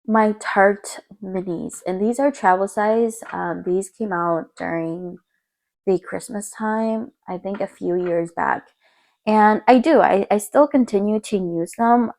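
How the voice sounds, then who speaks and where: A woman's voice: mid-range voice, a little mellow. A young woman beauty vlogger with her morning voice, chatting upbeat and casual as she sorts through her makeup at home. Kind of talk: casual makeup declutter vlog. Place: home room by a window in morning light.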